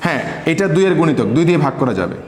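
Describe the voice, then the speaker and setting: A man's voice: fairly high pitch, expressive, rapid-fire, darkish tone. A male physics teacher explaining an assignment step by step. He asks questions and answers them himself, repeats key points and mixes in English words. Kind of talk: classroom lesson explaining an assignment. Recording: echoey room with long reverb, faint background noise.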